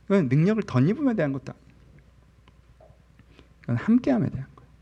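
A man's voice: high voice, a little fast, slightly rough, highs cut off. Candid, conversational male preacher. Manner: candid, personal, drops to soft murmurs and rises to animated emphasis. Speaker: pastor. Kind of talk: conversational sermon.

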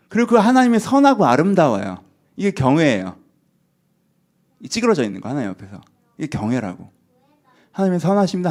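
Lively conversational male preacher. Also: mid-range voice. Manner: conversational preaching with acted-out asides. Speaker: pastor. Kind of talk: sermon.

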